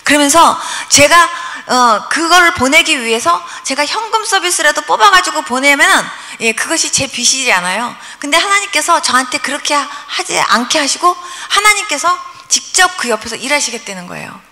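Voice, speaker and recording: A woman's voice: high voice, normal speed, few pauses. A woman in her sixties, a pastor telling testimony stories at a revival sermon, acting out prayers and dialogue as she goes. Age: 60s. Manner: lively storytelling, acts out prayers and dialogue. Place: church revival meeting hall. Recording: long hall reverb.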